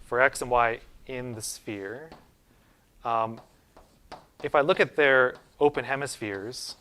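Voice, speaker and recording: A man's voice: medium pitch, takes it slowly, sharp tone. Man giving a casual university math lecture. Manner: informal, thinking aloud with many fillers and restarts. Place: lecture room.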